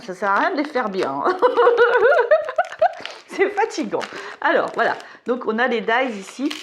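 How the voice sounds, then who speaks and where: At her home table, a woman vlogger casually shows off craft stamps, rambling along with self-mocking asides in a relaxed haul-and-demo chat. Her voice sits in the mid range and is slightly bright, with a faint hiss or hum in the recording.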